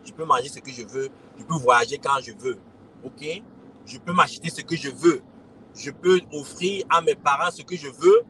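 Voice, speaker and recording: His voice is a little high and animated, moving at normal speed with a sharp tone, while a bit of hiss or hum runs through the rough recording. The speaker is a Cameroonian crypto consultant and community host in his forties, chatting to followers on a livestream in a Cameroonian French accent. He tends to repeat things, calls everyone "les gars", and often asks "ok?".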